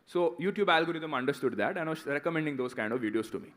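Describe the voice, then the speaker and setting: Homem indiano de uns trinta anos, com sotaque inglês indiano e voz um pouco aguda, fala de forma coloquial e motivacional para estudantes, perguntando "right?" a cada passo. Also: male voice, on the high side, expressive, fast, a bit bright. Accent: Indian English. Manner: conversational, keeps asking "right?". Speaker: guest speaker answering students. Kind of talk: motivational talk and Q&A.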